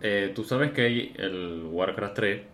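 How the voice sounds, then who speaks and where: A man's voice: lowish voice, takes it slowly, fairly bright tone, faint music behind. A man, co-hosting a casual chat and cutting in to steer the talk. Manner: prodding, interrupts to steer. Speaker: podcast co-host.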